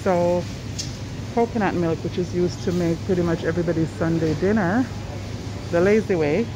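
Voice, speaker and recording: A woman's voice: on the low side, normal speed, background noise. A Jamaican woman vlogging as she shops in a supermarket, chatting and reading out prices while filming on a handheld phone. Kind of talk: casual shopping vlog narration. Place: supermarket aisles, indoors. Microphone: handheld phone camera. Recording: loud store ambience behind her.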